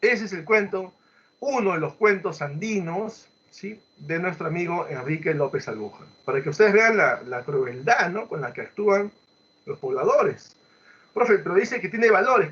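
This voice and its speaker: The sound is lo-fi as a male literature teacher, accented in Peruvian Spanish, lectures by retelling a folk tale. His high voice is animated and fairly bright at a moderate pace, and he acts out quoted voices while checking in with short questions.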